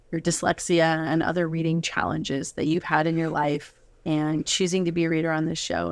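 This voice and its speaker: A middle-aged woman, the show's host and mother of its guests, leads a casual, heartfelt studio interview in an encouraging, affirming way. Her voice sits on the low side, and the recording has no room sound.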